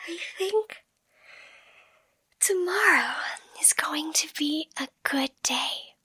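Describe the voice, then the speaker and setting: In this bedtime ASMR, a woman voices a catgirl girlfriend lulling her partner to sleep, reading a storybook very slowly. Her exaggerated, high near-whisper is breathy, gentle and reassuring. Soft music plays, and the close microphone picks up no echo.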